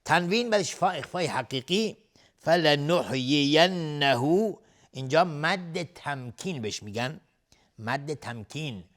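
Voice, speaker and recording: A man teaching the rules of Quran recitation. He chants each verse slowly and melodically, then explains the rules in quick, plain speech. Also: on the high side, expressive, a bit bright.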